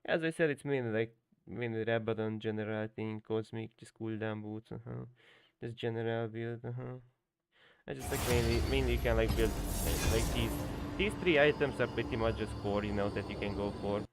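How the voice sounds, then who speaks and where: A young man whose first language is Hungarian coaches on a live stream, his casual commentary loose and rambling with many fillers and restarts. His voice is fairly low, steady in tone, and brisk.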